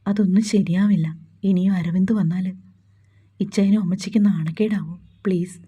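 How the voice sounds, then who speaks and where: A woman voicing a gentle, hesitant young woman doctor in a storybook, speaking softly and pleadingly. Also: mid-range voice, fairly even intonation, normal speed, slightly rough, dull audio, close to an everyday voice. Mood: sad. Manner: soft, pleading.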